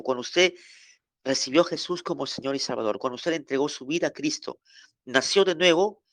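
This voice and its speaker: A man's voice: on the high side, fairly bright tone, dry recording. A man, a pastor, teaching a Bible seminary lesson in an online class, repeating key words and dictating notes for students to write down.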